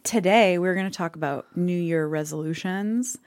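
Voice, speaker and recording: A woman opens and steers a podcast chat, upbeat and chatty, leaning on "like" as she talks. Her voice is a little low for a woman, and the sound is dry and close. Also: normal speed, a little mellow, no room sound. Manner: upbeat, chatty, many likes. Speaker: podcast host. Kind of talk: casual chat.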